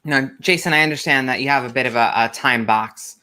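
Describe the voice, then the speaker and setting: A man's voice: medium pitch, brisk, pushed and bright. A man hosting a podcast, speaking in an easygoing, slightly hesitant way. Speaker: podcast host. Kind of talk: casual podcast chat.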